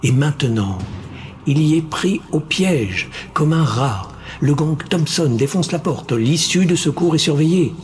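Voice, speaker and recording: A man voicing a slick, dramatic male television game-show host in an audiobook, working the audience with theatrical pauses and cries. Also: medium pitch, darkish tone, slight background noise, natural voice. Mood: urgent. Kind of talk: audiobook character voice.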